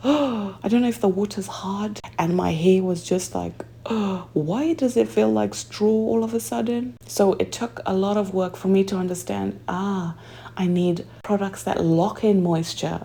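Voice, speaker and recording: A young adult woman from Zimbabwe chatting through a hair product review, reading the label claims aloud and slipping into soft asides. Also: medium pitch, vocal fry, breathy edge. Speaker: hair care vlogger.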